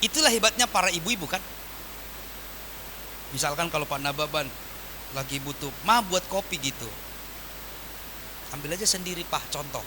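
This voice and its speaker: A man preaching a sermon as pastor, swinging from loud emphatic lines to quiet soft ones. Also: on the high side, moderate pace, long pauses, noisy background. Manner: animated preaching with wide swings in volume.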